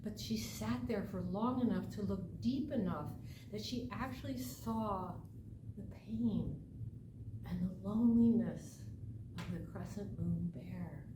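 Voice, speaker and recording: A woman telling a folk tale aloud as a live storyteller, dramatic and deliberate, with emphatic phrases and pauses. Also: mid-range voice. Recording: echoey, distant mic, noisy room ambience.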